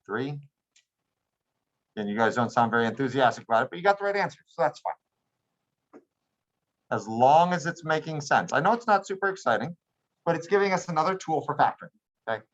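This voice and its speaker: A man's voice: fairly high pitch, big pitch swings, a little fast, a bit bright, dull audio. A man teaching a math class, explaining steps patiently and often asking if students follow. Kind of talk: classroom lecture.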